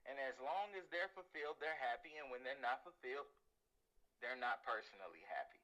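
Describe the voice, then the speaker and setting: A man's voice: medium pitch, animated, brisk, sharp tone, rough recording. A man on a religious panel speaking sincerely, like personal testimony.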